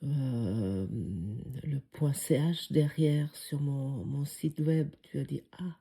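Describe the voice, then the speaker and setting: A woman's voice: low-pitched, slow, creaky, mellow. A woman with a foreign French accent tinged by Swiss speech, teaching a spiritual lesson in a musing, hesitant way with frequent fillers. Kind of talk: reflective spoken lesson.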